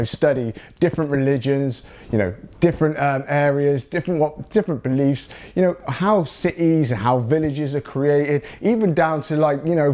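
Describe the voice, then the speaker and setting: This man's voice is fairly high and a little mellow. He's a South England YouTuber and videographer chatting casually to camera, wandering from point to point with lots of "you know" and "that lot."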